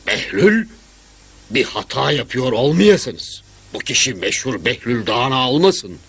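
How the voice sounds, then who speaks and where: Period drama governor: cautious, authoritative, formal, raspy mid-range voice with lively intonation. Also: male voice, mid-range voice, measured pace, heavily acted. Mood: startled doubt. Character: grave, cautious male governor of a historic city.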